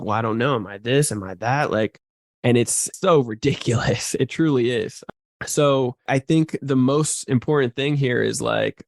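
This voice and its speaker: A man's voice: mid-range voice, creaky, dry recording, clean studio sound. A man hosting a podcast, delivering an earnest, emphatic motivational monologue full of "like"s. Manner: earnest, emphatic, many filler "like"s. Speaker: podcast host.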